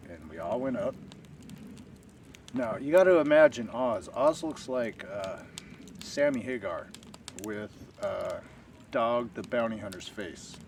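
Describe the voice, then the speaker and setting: Low-voiced guy rambling slowly through a story, camera kinda far off outside, faint noise behind. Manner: rambling, unhurried, with frequent fillers. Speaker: stealth camping vlogger. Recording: distant outdoor camera audio with faint ambient noise.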